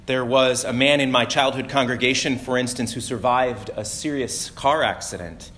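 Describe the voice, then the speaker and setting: A man preacher reading a gospel passage and then giving a sermon in a measured, solemn manner. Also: mid-range voice, a bit bright, slight background noise.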